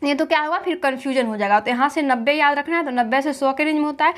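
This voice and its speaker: A woman's voice: high voice, fast talker. A woman teaching a lesson with memory tricks, asking questions and answering them herself, repeating key points.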